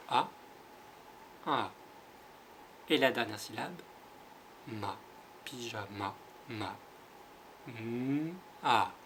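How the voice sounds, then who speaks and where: A man with a French accent, a kindergarten teacher giving a home-school phonics lesson, sounding out letters slowly and clearly. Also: mid-range voice, pushed and bright, slight background noise.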